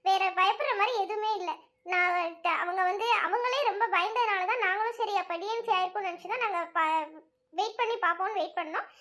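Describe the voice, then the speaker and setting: Lady doing a squeaky bright cartoon doctor, calm and explaining, talks fast. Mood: reassuring. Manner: measured, explaining. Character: calm reassuring female hospital doctor.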